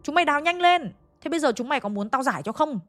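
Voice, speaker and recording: A woman's voice: medium pitch, lively intonation, a little fast, faint music behind, lightly acted. Bossy old village shaman barking orders, put on by a woman telling a ghost story. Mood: commanding. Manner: barking commands, rough and blunt. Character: stern older male village shaman, bossy.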